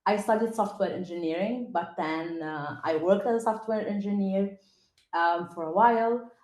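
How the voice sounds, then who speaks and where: A woman from Lebanon, whose first language is Arabic and who has a Lebanese accent, introduces herself to students as a panelist and tech programme lead on an online video call. Her voice is medium-pitched and darkish at a moderate pace. She is in an indoor room, and the call audio is roomy and echoey.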